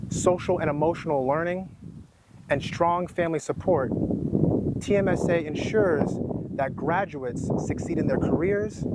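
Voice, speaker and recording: A man hosting an interview, reading a scripted introduction in a measured, announcer-like way before asking questions. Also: on the high side, noisy background. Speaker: podcast host. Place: school building.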